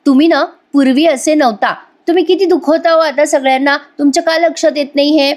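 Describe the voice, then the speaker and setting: An exasperated middle-aged wife, voiced by a woman. Her replies come short and sharp, in a fairly high voice. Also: steady tone, a little fast, natural voice. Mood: annoyed.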